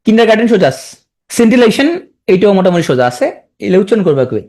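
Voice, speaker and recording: A teacher at a middling pitch gives a spelling lesson to a large class. The voice rises and falls with lively, animated intonation. Words get sounded out slowly and repeated, with joking asides in between.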